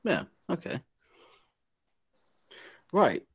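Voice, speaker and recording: An English podcast host from England chats casually in an interview, joking, laughing often, and asking teasing questions. His voice is fairly high with wildly swooping pitch, very slow and breathy-edged, on a lo-fi recording.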